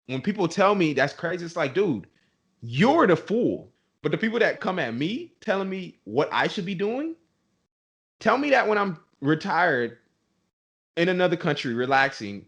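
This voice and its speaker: A young man co-hosting a money podcast delivers a heated, emphatic rant. His slightly high voice jumps around a lot as he drives each point home. He leans on "bro" and rhetorical questions. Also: expressive, moderate pace, a bit bright, slightly rough. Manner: emphatic, ranting, says "bro" often. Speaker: podcast co-host.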